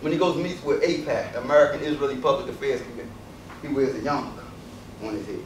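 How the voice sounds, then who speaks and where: A man's voice: medium pitch, fast, background noise. A man giving an emphatic public speech to a university audience, throwing rhetorical questions at the crowd. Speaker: invited speaker addressing a student audience. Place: university lecture hall. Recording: echoey hall from far off.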